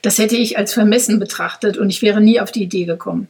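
A woman's voice: medium pitch, steady tone, fast, gravelly, darkish tone, breathy edge. A woman in her fifties from the Ruhr area, answering interview questions in a reflective, meandering way with many filler phrases. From Ruhr area, Germany. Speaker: interview guest.

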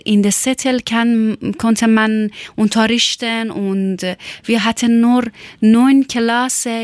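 Woman, young, from Iran, slow halting speech, searches for words, dry recording. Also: a little high, darkish tone, no room sound. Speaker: former teacher telling her story. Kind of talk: personal testimony in learner German.

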